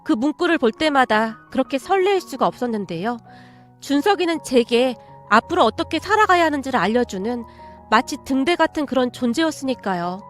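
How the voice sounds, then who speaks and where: A woman narrating a radio story in a gentle storytelling manner, telling it as a male teacher in the first person. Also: sits high, expressive, a little fast. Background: faint music.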